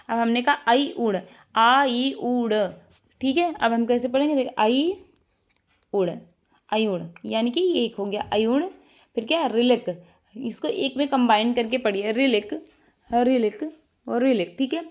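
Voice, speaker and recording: A woman teacher giving an online exam-prep lesson, drilling her students by asking a question and answering it herself, repeating each item. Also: fairly high pitch.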